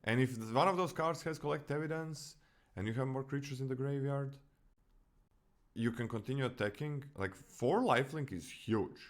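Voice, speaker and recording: A man's voice: mid-range voice, normal speed. A man from Croatia with a Croatian accent, co-hosting a casual card-review podcast, often restarting and correcting himself. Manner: animated, many restarts and self-corrections. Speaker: podcast co-host.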